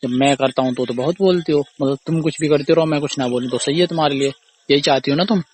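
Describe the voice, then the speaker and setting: A young man's fast voice, on the high side, comes through a phone call recording with slight background noise. As the boyfriend or husband, he argues casually, sounding aggrieved, accusing and repetitive.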